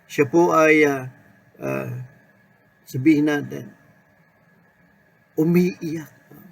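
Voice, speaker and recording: A man preaching a sermon in an unhurried way, mixing Tagalog and English and repeating key words. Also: fairly high pitch, wildly swooping pitch, gravelly, slightly rough, low-quality recording.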